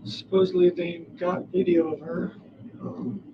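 A man's voice: high-pitched, little pitch movement, measured pace. A man in his thirties answering questions in a police interview, giving short, hesitant replies from a small interview room. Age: 30s. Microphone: room camera from across the room. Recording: distant, dull room audio with loud hiss.

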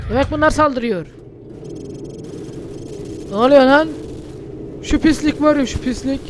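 A male gaming host giving casual gameplay commentary, brash and excitable, swearing and shouting at the characters on screen. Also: very high voice. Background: game music.

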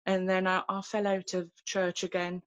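A woman, sharing her faith story on a video call from home, earnest and halting with many fillers and restarts. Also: lowish voice, monotone, clean tone, no room sound. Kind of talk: personal testimony in a video call. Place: small room at home, indoors. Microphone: laptop webcam on a video call.

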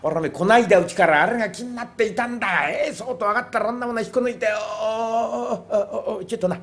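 A man voicing a rough, lazy fake priest who talks in gruff, brusque slang, in rakugo storytelling. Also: high-pitched, quick pace, a bit bright, voice pushed up. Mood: scheming.

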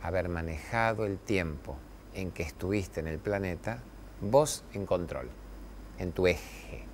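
Middle-aged Argentine man, TV studio host, deep-ish voice, preachy and emphatic, drawn-out pauses, faint background hiss. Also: darkish tone. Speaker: TV show host. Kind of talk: motivational spiritual talk to camera. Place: TV studio with camera crew.

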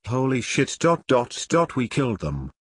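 Brief: man reading injured tough guy, shocked and swearing, husky, dry. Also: mid-range voice, big pitch swings, normal speed, dry recording.

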